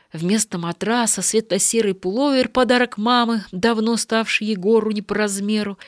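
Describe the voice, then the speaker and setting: A woman narrating a short story as an audiobook, in an even, measured way. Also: mid-range voice, no room sound, clean studio sound.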